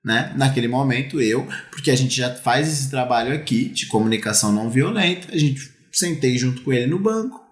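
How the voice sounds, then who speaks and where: A man's voice: medium pitch, brisk, few pauses, reverberant. A man with a Brazilian Portuguese accent, a youth sports coach, telling stories in a casual podcast chat and acting out the dialogue. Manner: animated, acts out dialogue in his stories.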